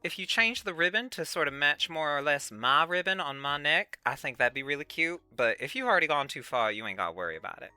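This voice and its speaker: This host talks fast with hardly any pauses, in an animated, sharp-toned mid-range voice captured as a dry recording. The talk is a casual livestream chat, reading and answering viewers' comments in a put-on Southern US accent, a folksy Southern Belle drawl heavy on sugary terms of address.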